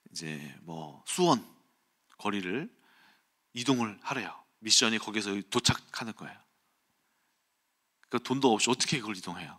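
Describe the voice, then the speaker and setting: A man preaching an early-morning sermon, telling a personal story in an animated way and acting out quotes and sounds. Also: medium pitch.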